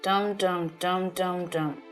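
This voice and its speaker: A man voicing a schoolboy who mutters quietly to himself about his grades. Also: high-pitched, fairly even intonation, slow, faint music behind, pitched above the performer's own voice. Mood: dejected. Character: discouraged schoolboy talking to himself.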